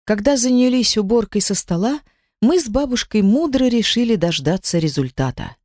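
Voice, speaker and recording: A narrator reading a novel aloud in an expressive way, close to the mic. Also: medium pitch, normal speed, no room sound. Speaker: audiobook narrator. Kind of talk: scripted narration.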